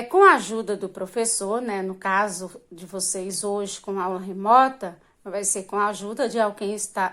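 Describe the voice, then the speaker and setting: A woman's voice: medium pitch, a bit bright. A woman teacher, giving a remote lesson to young schoolchildren and stretching out words to stress syllables. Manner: slow, patient, drawn-out emphasis on syllables.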